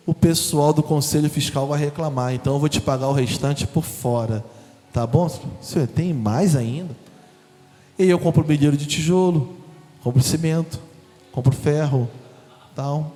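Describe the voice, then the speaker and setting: A man preaching a testimony sermon, telling his story and acting out the dialogue. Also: on the high side. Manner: animated storytelling, acts out dialogue. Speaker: guest preacher. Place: church hall. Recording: long hall reverb with faint music.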